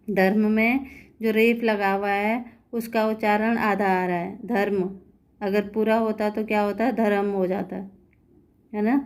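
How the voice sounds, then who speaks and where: In a mid-range, darkish voice, a woman works through Hindi grammar like a teacher in class. Patient throughout, she slowly repeats words and checks comprehension with rhetorical questions.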